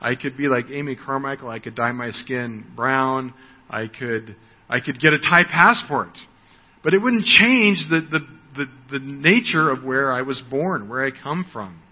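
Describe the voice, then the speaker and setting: A man's voice: mid-range voice, lively intonation, unhurried. An American man in his sixties giving a conversational sermon, often asking "right?" and repeating words as he starts a thought. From United States. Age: 60s. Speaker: preacher. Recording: dull audio with long hall reverb.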